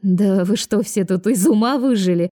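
A woman voicing an elderly aunt, now young-looking, who is indignant and excitable. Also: mid-range voice, moderate pace, dry recording, studio quality, natural voice. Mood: exasperated.

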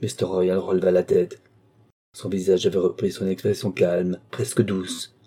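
A man narrating a novel as an audiobook, in a measured, even reading. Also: sits low, breathy edge.

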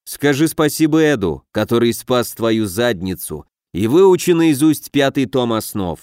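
A man voicing a stern, cold male dark mage teacher in an audiobook, speaking slowly and in a cutting way, a little lower than his own voice. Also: very animated, clean tone, dry recording, clean studio sound. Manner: cutting, slow and measured. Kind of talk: audiobook character voice.

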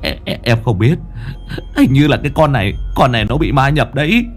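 A man's voice: sits low, animated, moderate pace, faint music behind. A man voicing a timid young man who stutters when he is frightened. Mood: terrified. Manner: stuttering, jumpy.

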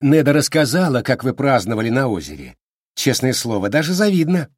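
A man's voice: mid-range voice, big pitch swings, brisk, no echo, clean studio sound. A man voicing a smug, balding older man with a thin, unpleasant voice and a mocking, falsely friendly manner. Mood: needling.

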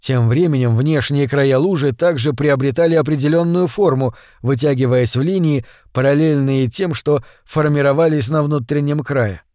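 Male audiobook narrator, slightly high voice. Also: moderate pace, few pauses, darkish tone, no room sound, studio quality. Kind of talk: scripted narration.

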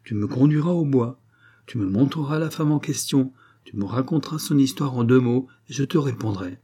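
A man's voice: medium pitch, moderate pace, dark tone, husky, pitched above the performer's own voice, natural voice. A man reading the part of a ruined young nobleman in an audiobook, sombre, resigned and proud.

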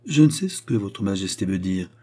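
A man's voice: low-pitched, big pitch swings, brisk, warm tone. A man voicing a sly noblewoman feigning innocence. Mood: feigned meekness. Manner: guarded, falsely meek. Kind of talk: audiobook reading.

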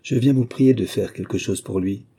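A man's voice: fairly low pitch, moderate pace, dark tone, slightly rough. A man voicing a poor, humble peasant miller who talks in a deferential, pleading way.

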